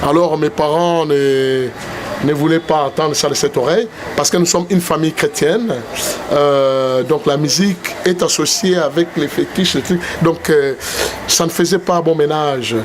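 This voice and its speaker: A Congolese man with a Congolese French accent, a singer telling his story in a TV interview with unhurried pauses and hesitations. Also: fairly high pitch. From Democratic Republic of the Congo. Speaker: guest singer. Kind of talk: interview answers. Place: TV studio. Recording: noisy background hum.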